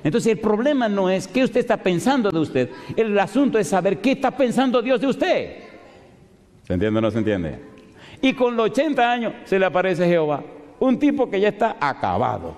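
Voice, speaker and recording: A male pastor giving a lively sermon, constantly asking the congregation questions. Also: high voice, moderate pace. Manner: animated, asks the congregation frequent rhetorical questions. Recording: long hall reverb.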